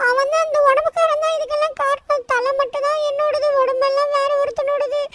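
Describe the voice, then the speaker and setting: A squeaky panicky Shinchan. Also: level tone, fairly quick, fairly bright tone, far from the mic, slight background noise. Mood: panicky pleading. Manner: frantic pleading, constant "sir, sir" begging. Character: cheeky little cartoon boy, easily panicked. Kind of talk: comic voice-over for game footage.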